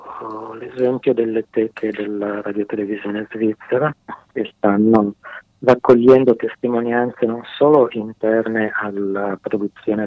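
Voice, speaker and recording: A man's voice: on the low side, dry recording. A man speaking as a guest on a radio show over a landline phone, hesitant with many filler sounds. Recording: tinny dry phone line.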